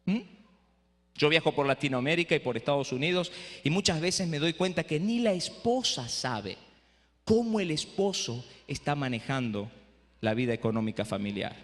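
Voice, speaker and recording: A man lecturing pastors in a preaching style, lively and rhetorical, often asking the audience "eh?". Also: fairly high pitch, moderate pace. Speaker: speaker at a training for pastors. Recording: echoey hall.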